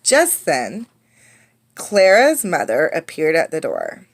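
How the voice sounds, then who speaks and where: A woman teacher reads a storybook aloud to children in an expressive, instructive way, frequently asking her listeners questions. Her voice is low-pitched and her pace slow.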